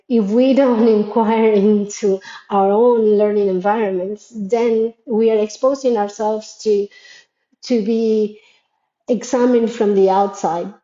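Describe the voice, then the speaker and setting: A Latin American woman whose native language is Spanish, an educator who created a school framework, delivers an earnest, thoughtful reflective monologue that puts questions to listeners. Her voice is warm and medium-pitched, heard in an echoey room with the highs cut off.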